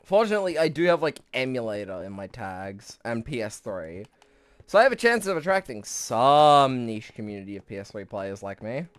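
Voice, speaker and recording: Lively young man streaming, out of breath. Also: medium pitch, moderate pace, smooth, no room sound. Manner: rambling, swears casually, thinks aloud. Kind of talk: casual live gameplay commentary.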